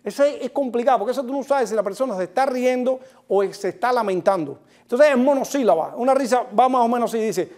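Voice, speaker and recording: A Cuban comedian hosting, delivering a stand-up monologue, joking and speaking straight to the audience while acting out different kinds of laughter. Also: male voice, very high-pitched, quick pace, hardly any pauses, a little mellow. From Cuba. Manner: joking, addresses the audience directly. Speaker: comedian host.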